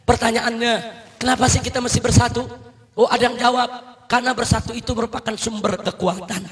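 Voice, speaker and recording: Fiery high-voiced male preacher. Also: level tone, fairly quick. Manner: shouts rousing calls to the crowd, repeats "brothers" often. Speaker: Islamic preacher. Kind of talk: fiery rally sermon.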